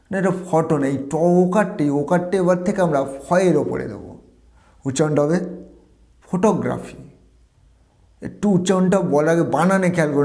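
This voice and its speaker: A man's voice: on the high side, darkish tone. A man whose first language is Bengali, teaching English pronunciation to viewers, breaking words into syllables and asking questions.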